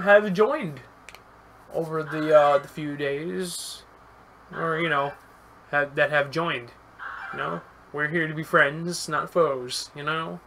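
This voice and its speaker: A gaming video host giving casual play-by-play commentary, yelling and swearing at the game, then chatting to viewers in a friendly, rambling way. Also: mid-range voice, slight background noise. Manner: excitable, yells and swears at the game.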